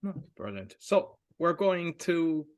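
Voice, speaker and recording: An Irish-accented man with a slightly high voice hosts a casual interview. His questions are informal and meander as he goes. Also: big pitch swings, slow, smooth. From Ireland. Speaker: podcast host, interviewer.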